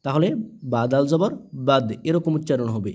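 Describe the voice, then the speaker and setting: A man teaching Quran reading in a slow, patient lesson, spelling each word letter by letter and repeating it. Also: medium pitch, a little mellow. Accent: Bangladeshi Bengali.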